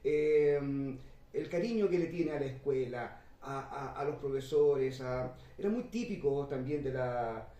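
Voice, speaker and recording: A man hosting and moderating a literary panel, speaking in a measured way with many drawn-out fillers. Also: mid-range voice, warm tone. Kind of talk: conversational panel discussion. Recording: roomy echo, distant mic.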